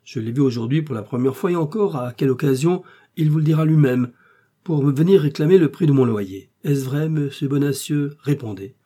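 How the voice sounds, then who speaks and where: A man voicing a bold young swordsman who gives orders in a raised, forceful voice. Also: medium pitch, lively intonation, moderate pace, slightly rough. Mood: commanding.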